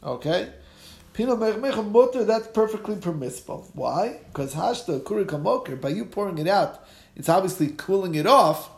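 A man's voice: sits high, animated, normal speed, gravelly, reverberant. A man teaches a religious class informally as a rabbi, reading text and explaining it conversationally with questions he answers himself. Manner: conversational, asks and answers own questions, checks in with listeners.

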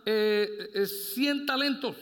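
A man preaching as pastor in short phrases, pausing so an interpreter can follow. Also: very high-pitched, fairly bright tone. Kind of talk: bilingual sermon with interpreter. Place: church hall. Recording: reverberant hall.

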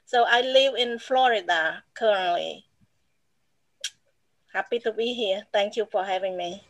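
A woman, telling her story as an interview guest in a measured, reflective way. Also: mid-range voice, no room sound, low-quality recording. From Cambodia. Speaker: guest, author and inspirational speaker. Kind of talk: casual interview talk.

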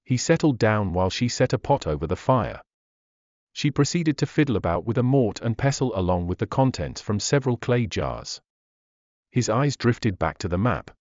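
A male narrator reads a fantasy audiobook in a measured, expressive way, his low voice rising and falling widely. The recording is dull and very dry, with no room sound. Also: dry recording.

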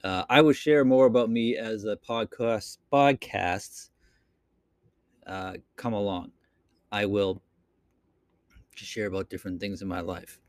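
On his solo podcast, a host from Boston, Massachusetts, speaks with a Boston accent into a computer microphone, meandering without a script and riddled with fillers and restarts. His lowish voice is steady and unhurried with frequent pauses, captured dry at studio quality.

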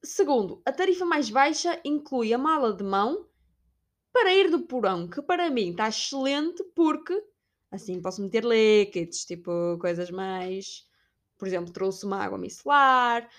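A young woman with a European Portuguese accent, chatting casually about a trip and imitating people along the way. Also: moderate pace. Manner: chatty, animated, imitates shouting staff in high voice. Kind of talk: casual storytelling vlog.

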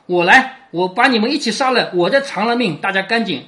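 A storyteller voicing a drunk, angry nobleman who threatens everyone with a sword, in a louder, raised voice. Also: mid-range voice, lively intonation, fairly quick, roomy sound. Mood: furious.

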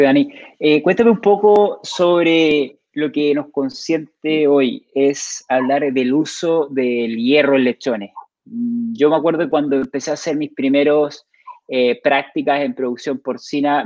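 A man hosting an online interview in Spanish, affable, prompting his guest with steady short backchannels. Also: fairly high pitch, no room sound, muffled recording. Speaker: host.

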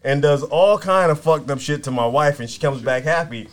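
A man's voice: on the high side, normal speed. A man co-hosting a podcast, telling a story in casual, profane chat. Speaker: podcast co-host.

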